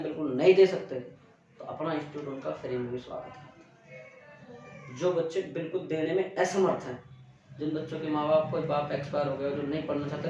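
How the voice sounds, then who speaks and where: A man's voice: on the high side, slight background noise. A young man teaching in a classroom, giving blunt, earnest advice straight to his students. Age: young adult. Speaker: coaching teacher. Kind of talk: classroom motivational talk. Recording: very echoey room, distant mic, dull sound.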